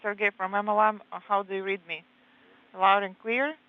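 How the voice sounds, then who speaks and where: A woman interpreting live space radio exchanges in short, halting, procedural communicator phrases. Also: medium pitch, steady tone. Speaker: simultaneous interpreter. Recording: tinny, phone-like radio link.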